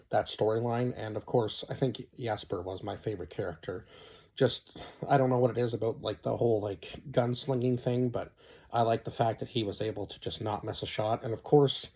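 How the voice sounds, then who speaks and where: A man's voice: lowish voice, steady tone, a little fast, a little mellow. A young man giving a casual spoken review of a show, rambling and often stopping to search for names, with lots of fillers.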